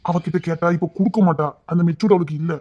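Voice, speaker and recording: A young husband who jokes and teases his in-laws at a quick clip, as a man acts him out. He talks. The recording sounds dull and muffled. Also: on the high side, warm tone, natural voice. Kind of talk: audio drama acting.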